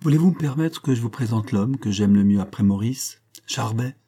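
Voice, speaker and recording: A man reading as a painter giving calm, confiding advice. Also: medium pitch, moderate pace, breathy edge. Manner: confiding, gently advising. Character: Parisian painter, older friend, measured and warm.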